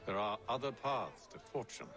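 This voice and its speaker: An actor playing a composed male leader who speaks formally and deliberately in a game. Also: lowish voice, animated, a bit bright. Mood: probing. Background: game music.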